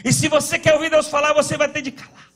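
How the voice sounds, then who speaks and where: Preaching at a church service, this Northeastern Brazilian pastor speaks quickly in an extremely high, monotone voice. His sermon shifts from loud shouts to hushed storytelling, and his regional accent is clear.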